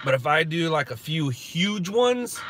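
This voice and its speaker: In a fairly high, sing-song voice at a measured pace, a middle-aged man streams live while driving his car, sniffling and congested. He reads viewers' chat and rambles through answers in casual conversation, against a noisy background.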